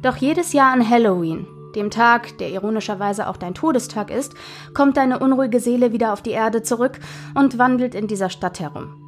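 A woman speaking as a calm, soothing Death figure in a spooky storybook tale, with faint music behind her. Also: on the high side, moderate pace, natural voice. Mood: explaining. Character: calm, kindly Death, hooded skeleton.

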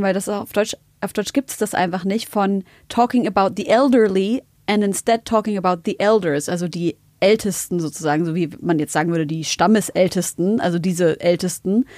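A woman's voice: medium pitch, darkish tone, no room sound, clean studio sound. A woman from Germany, a podcast guest, chatting casually and slipping English phrases into her talk. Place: podcast studio.

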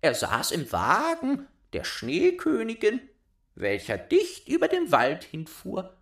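A man voicing a flock of cooing wood pigeons in a storybook, calling out very high. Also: wildly swooping pitch, takes it slowly, gravelly, a bit bright, exaggerated voice.

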